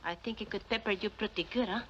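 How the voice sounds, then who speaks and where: An actress playing an eager, loyal housemaid, in 1940s western film acting. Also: female voice, medium pitch, fast, a bit bright, lo-fi sound, slight background noise, natural voice. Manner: eager, deferential.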